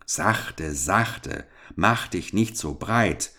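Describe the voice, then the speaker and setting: A man's voice: low voice, expressive, drawn-out words, bright, forceful tone, exaggerated voice. A man voicing a fearless, cheeky young lad in a read-aloud fairy tale, sounding carefree and cocky. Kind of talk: storybook reading.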